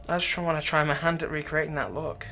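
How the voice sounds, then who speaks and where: In an intimate ASMR roleplay, a man voices a doting captor who is slyly manipulative, coaxing gently with unhurried pauses. His voice sits a little high and stays steady, gentle and attentive in mood, with slight background noise.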